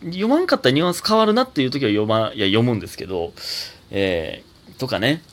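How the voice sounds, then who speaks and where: A young adult comedian with a Kansai accent, hosting a solo casual talk show and reading listener mail in a chatty, self-teasing way. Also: male voice, mid-range voice, quick pace. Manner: chatty, self-teasing, animated, laughs often. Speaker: comedian podcast host.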